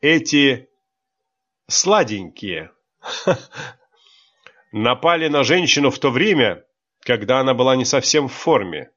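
A man's voice: medium pitch, sing-song, takes it slowly, pauses often, fairly bright tone, muffled recording, heavily acted. A man voicing a stern veteran mercenary instructor who gives clipped, commanding orders, read in a storybook.

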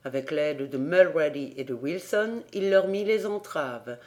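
A woman's voice: deep voice, unhurried, a little mellow. Woman reading a classic novel aloud. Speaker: audiobook reader. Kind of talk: literary audiobook narration.

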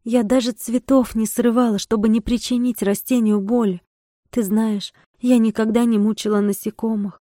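A woman's voice: fairly high pitch, steady tone, normal speed, warm tone, no echo, studio quality, lightly acted. A woman reading aloud, voicing a wild, passionate young village woman who pleads and argues. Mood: calm pleading. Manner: pleading, impassioned.

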